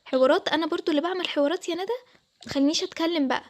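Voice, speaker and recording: A woman's voice: extremely high pitch, rapid-fire. Woman playing a spiteful Egyptian sister-in-law. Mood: defensive. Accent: Egyptian Arabic. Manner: snippy, defensive. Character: groom's sister, young woman, spiteful and defensive.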